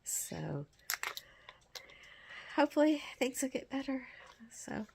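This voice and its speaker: A woman's voice: high voice, sing-song, takes it slowly, vocal fry, noisy background. A middle-aged woman with a cold and a nasal, stuffy voice, explaining things casually and a bit tiredly to her camera at home. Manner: rambling, plainspoken, tired. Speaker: vlogger. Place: at home indoors.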